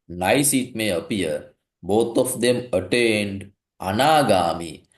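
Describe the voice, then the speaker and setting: A man from Sri Lanka tutoring a student one-on-one, reading a story aloud and often checking with "right?". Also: lowish voice. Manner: slow, explanatory, checks understanding with "right?". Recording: echoey room.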